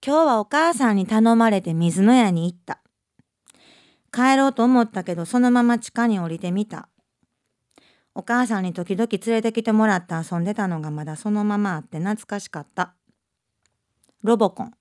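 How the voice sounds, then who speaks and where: A woman with an Osaka accent reading aloud as an introspective young girl writing in her diary, in a quiet, measured way. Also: medium pitch, close to an everyday voice. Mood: pensive.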